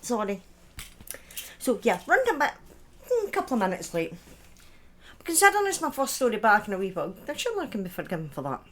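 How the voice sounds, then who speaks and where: In a laid-back livestream chat, a woman who streams and hosts storytelling speaks in a slightly high, a bit bright voice with big pitch swings. Her pace is quick but broken by long pauses. She's chatty and self-deprecating, with the odd swear word.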